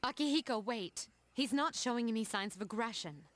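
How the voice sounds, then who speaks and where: A cool, formal young leader. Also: female voice, a little high, lively intonation, a little fast, dry recording. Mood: serious. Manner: formal, controlled, quiet. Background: game music.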